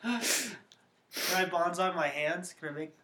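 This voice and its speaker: A man's voice: high-pitched, takes it slowly, sharp tone. A young man co-hosting a podcast, blunt, crude and sarcastic in casual chat. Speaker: podcast co-host. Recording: echoey room.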